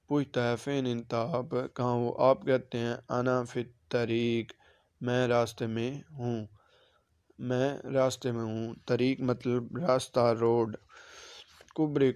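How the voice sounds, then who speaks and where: Man, Urdu native, language teacher, repeats words slowly, steady monotone, dry recording. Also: mid-range voice, clear, resonant tone, no echo. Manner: repeats each word slowly with its meaning. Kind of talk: casual spoken vocabulary lesson.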